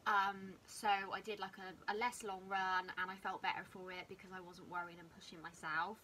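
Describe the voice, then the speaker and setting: A young woman talks casually to the camera in a room at home. Her voice sits at an ordinary pitch and she speaks informally, like someone updating followers on a hobby. There is some noticeable noise in the recording. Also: flat delivery, normal speed, bright, forceful tone, rough recording. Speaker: running vlogger. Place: living room indoors.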